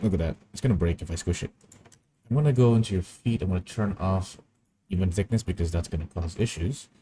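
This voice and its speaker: A man's voice: sits low, quick pace, warm tone, a little hiss or hum. A young man chatting casually and rambling through stories while he works on an animation. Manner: rambling, anecdotal, easily amused. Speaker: animation streamer.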